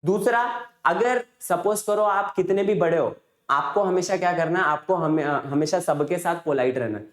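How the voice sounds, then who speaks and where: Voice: mid-range voice, normal speed. A teacher giving an exam revision lesson, retelling a chapter's story in a conversational way with frequent rhetorical questions. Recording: roomy echo.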